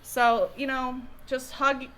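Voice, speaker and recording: Rambling young woman, bright voice. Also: high voice, flat delivery, slow pace, slight background noise. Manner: rambling, hesitant, full of fillers and restarts. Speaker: co-host. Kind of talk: casual chat while eating.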